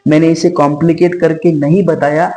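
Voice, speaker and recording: A man's voice: fairly high pitch, flat delivery, fairly quick, warm tone, reverberant, rough recording. A man teaching physics at a whiteboard, who asks questions and answers them himself and calls his students kids. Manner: addresses students fondly as kids. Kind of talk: classroom whiteboard lecture. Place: classroom with a whiteboard.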